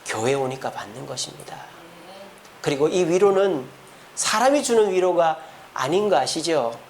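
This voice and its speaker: A male pastor delivers a Sunday sermon in a church, his voice sitting high and swinging widely in pitch. He keeps asking his congregation questions, and a faint hum of noise sits under him. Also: moderate pace. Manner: lively preaching with rhetorical questions to the congregation. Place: church sanctuary.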